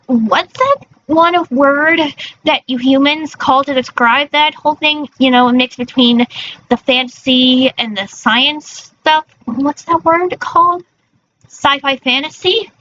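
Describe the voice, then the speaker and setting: A woman streamer speaks in a high, bright, girlish voice with a cute anime flavor. Her chat is casual and halting, with stumbles and self-corrections. The recording is a little dull and lo-fi, with faint noise behind her. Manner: halting, stumbling over words. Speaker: streamer, virtual character persona.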